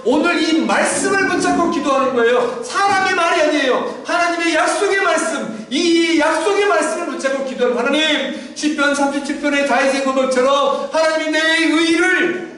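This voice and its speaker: A male pastor with a very high voice preaches in an animated way, turning often to his listeners. He sounds distant from the mic, and his words ring around a very echoey church with faint noise behind. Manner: animated preaching, addresses congregation often, acts out prayers. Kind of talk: sermon.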